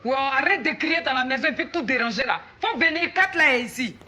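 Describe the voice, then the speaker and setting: A woman's voice: high-pitched, lively intonation, a little fast, sharp tone. An actress with an Ivorian French accent playing a mocking, bossy wife and mother in a sitcom. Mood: scolding. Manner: scolding, mocking. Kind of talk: sitcom acting.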